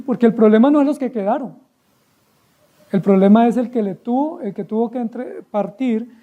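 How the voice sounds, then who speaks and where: A man's voice: high-pitched, warm tone. A man with a Colombian accent preaching an expository sermon as pastor, emphatic and full of rhetorical questions to his listeners.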